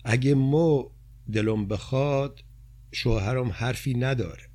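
A man's voice: mid-range voice, a little mellow, close to an everyday voice. A man voicing a poor, blunt young woman who talks plainly and in confidence about her past. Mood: confiding.

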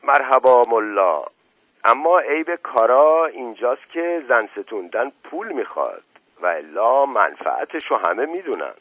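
A man's voice: medium pitch, sing-song, breathy edge, no room sound, pitched above the performer's own voice. A man voicing an older male village headman, a blunt go-between, speaking in a raised, emphatic voice, heard on a lo-fi radio recording.

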